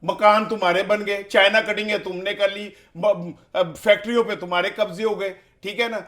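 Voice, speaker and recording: A man's voice: high voice, fairly even intonation, a bit bright. A man giving heated political commentary as an analyst, speaking in an impassioned, rhetorical way and piling up questions.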